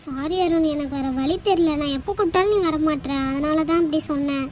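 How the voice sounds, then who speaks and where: A woman voicing Ramya, a scheming young woman in an animated cartoon who talks softly and slyly. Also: high voice, fast, a little hiss or hum, close to an everyday voice.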